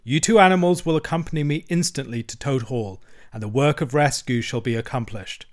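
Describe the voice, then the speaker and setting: A man's voice: mid-range voice, brisk, lightly acted. A man voicing a solemn, commanding old male badger in a storybook reading, grave and firm.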